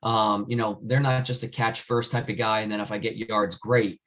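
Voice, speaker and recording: A man's voice: fairly low pitch, level tone, normal speed, fairly bright tone. A man co-hosting a fan podcast, chatting about football in a loose, rambling way with lots of restarts. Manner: rambling, many restarts and "I mean". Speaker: podcast co-host. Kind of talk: casual sports chat.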